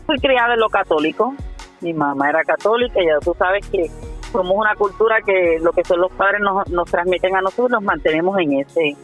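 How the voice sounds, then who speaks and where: On a radio program, a woman in her fifties from Puerto Rico, a minister with a Puerto Rican Spanish accent, gives her testimony earnestly, often adding "eh" and "¿verdad?". She speaks briskly in a lowish voice. The recording is low-quality, with faint music in the background.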